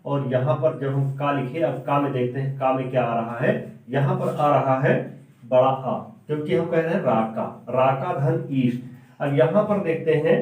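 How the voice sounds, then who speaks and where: Slow, echoey Hindi grammar teacher, a man. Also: darkish tone. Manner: slow, repeats each point as a question then answers it; drags out and drops pitch on key sounds. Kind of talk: grammar lesson at a board. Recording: echoey room, far from the mic.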